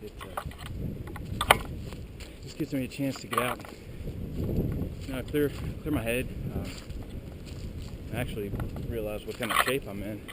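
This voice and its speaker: A man with a fairly ordinary pitch talks into a handheld camera as he hikes up a mountain trail. He rambles easily and leans on plenty of filler words. Loud, clear wind noise runs under the whole recording. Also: a little slow, long pauses. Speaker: vlogger. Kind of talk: casual walking vlog. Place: outdoors on a windy mountain trail. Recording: strong wind noise outdoors.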